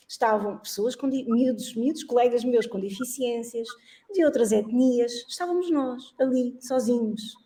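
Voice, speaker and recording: A woman's voice: a little high, mellow. A middle-aged woman from Angola, a guest in an interview, speaking in an earnest, reflective way and laughing often. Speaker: guest, social entrepreneur and teacher. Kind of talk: interview conversation.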